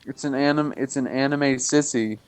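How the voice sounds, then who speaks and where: A man's voice: medium pitch, steady tone, moderate pace, clean tone, faint music behind. A man reading a fanfic aloud on a voice call, breaking off into crude, teasing banter. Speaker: reader.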